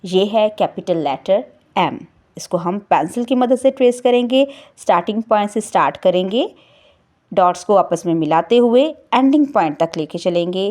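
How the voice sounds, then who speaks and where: A woman teacher gives a recorded lesson to young children. She speaks slowly and deliberately, draws out her words with sing-song emphasis, prompts the children with questions and praises their answers. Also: mid-range voice, expressive, darkish tone.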